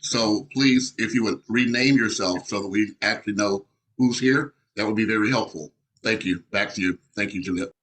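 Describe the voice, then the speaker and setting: Male meeting participant, crisp bright tone on the lower side, polite procedural remarks. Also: normal speed, low-quality recording.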